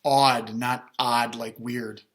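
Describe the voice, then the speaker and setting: A father co-hosting a children's read-aloud chats casually, tossing in jokes, teasing and mock-dramatic interjections. He speaks slowly and flatly in a medium, slightly bright voice.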